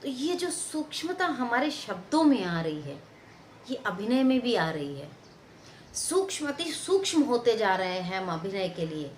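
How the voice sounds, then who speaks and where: A woman's voice: on the high side, measured pace, reverberant, slight background noise. A woman who works as a theatre and film actor gives a lecture on acting. She acts out sample lines and repeats phrases for emphasis. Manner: expressive, acts out example lines and stresses.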